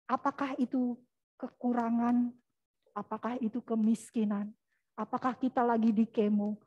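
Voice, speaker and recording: High-voiced animated woman preacher. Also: normal speed, lo-fi sound. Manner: animated, addresses the congregation directly. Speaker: evangelist preacher. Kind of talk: storytelling sermon.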